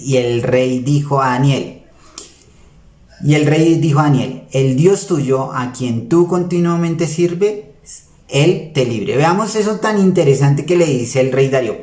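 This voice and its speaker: A man's voice: fairly high pitch, darkish tone. Man preaching in an echoey room. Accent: Colombian Spanish. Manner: unhurried Bible exposition with rhetorical questions and many hesitations. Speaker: pastor giving a devotional. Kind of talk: sermon devotional.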